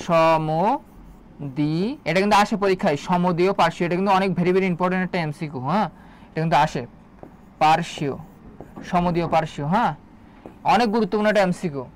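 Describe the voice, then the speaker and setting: A man's voice: high-pitched, slight background noise. A man teaching an online exam-prep biology class, quizzing students and repeating key terms to drill them. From Bangladesh. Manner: quick, drilling delivery.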